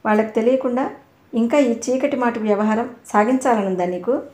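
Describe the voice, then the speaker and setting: A woman's voice: on the high side, brisk, mellow, echoey room, natural voice. A woman voicing a stern, sarcastic male tutor in an audio novel, probing with pointed questions.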